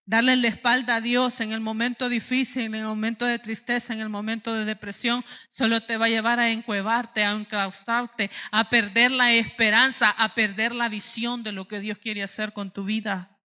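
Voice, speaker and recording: Salvadoran woman preacher, young adult, bright ringing voice, fairly high, impassioned sermon, emphatic peaks. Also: flat delivery, moderate pace. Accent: Salvadoran Spanish. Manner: impassioned, rising to emphatic peaks, addresses the congregation directly.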